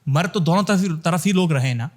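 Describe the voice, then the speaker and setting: A man's voice: fairly high pitch, expressive, moderate pace. A young man giving opinionated news commentary, talking straight to his viewers and firing rhetorical questions at them.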